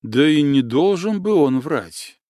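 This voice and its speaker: A man narrating an audiobook in an expressive storytelling manner. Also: a little high, takes it slowly, no room sound, studio quality. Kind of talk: audiobook reading.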